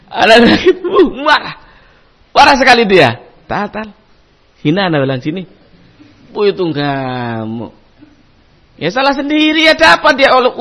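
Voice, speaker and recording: A male religious teacher delivering a study lecture, his voice riding high and swinging widely in pitch. He quotes Arabic passages and explains them conversationally, often tossing in little fillers. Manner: animated storytelling with acted-out voices; frequent conversational fillers like "naam" and "gitu loh".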